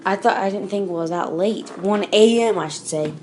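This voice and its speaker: A woman's voice: medium pitch, moderate pace, darkish tone, slight background noise. Woman casually telling a creepy story. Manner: casual, with fillers and self-corrections. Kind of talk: casual spoken creepypasta reading.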